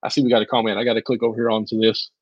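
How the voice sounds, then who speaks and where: A man's voice: fairly low pitch, flat delivery, very fast, breathy edge, no room sound, highs cut off. A man co-hosting a casual podcast, making upbeat, joking plugs for the show. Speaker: podcast co-host.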